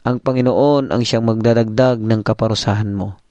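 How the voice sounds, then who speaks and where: A man's voice: lowish voice, fairly even intonation, moderate pace, dark tone, no room sound. A man preacher telling a story and giving a morning devotion sermon, calling his listeners brethren, on a dull, dry recording.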